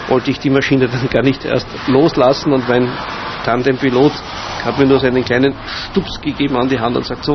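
A man tells a personal story in an interview, speaking very slowly and hesitantly. The sound is dull, with faint vehicle rumble behind him. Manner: hesitant, searching for words.

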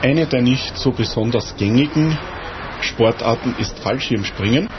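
A man's voice: mid-range voice, unhurried. A man presenting a radio programme from a script. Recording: dull sound with loud vehicle noise.

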